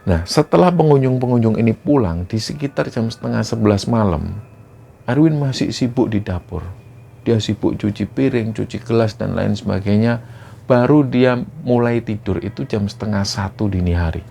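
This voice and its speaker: A man's voice: on the low side, normal speed, gravelly, dark tone, a little hiss or hum. A man narrating a horror experience in a dramatic, conversational way. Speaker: storyteller.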